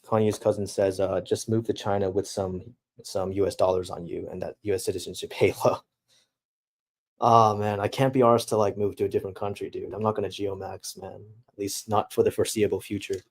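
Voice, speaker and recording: A young man streaming, reading out chat messages and answering them in halting, reflective casual talk. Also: lowish voice, flat delivery. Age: young adult.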